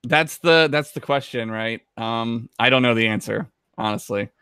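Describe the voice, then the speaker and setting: A man's voice: mid-range voice, normal speed, bright, forceful tone, clear, resonant tone, no echo, clean studio sound. A man co-hosting a casual sports podcast, joking, laughing often and swearing. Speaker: podcast co-host.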